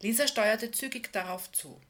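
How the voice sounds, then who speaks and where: A woman reading aloud from a novel in a calm, measured way, often trailing off softly at the end of phrases. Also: on the high side. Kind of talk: literary reading.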